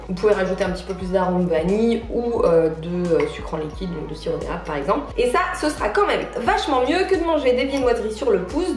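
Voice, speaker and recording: A woman's voice: on the high side, darkish tone. Chatty woman vlogging in an echoey room. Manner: chatty, laughs at her own flubbed intros. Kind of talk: casual vlog chat and recipe narration. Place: small home kitchen and living room, indoors. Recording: roomy echo with light music behind.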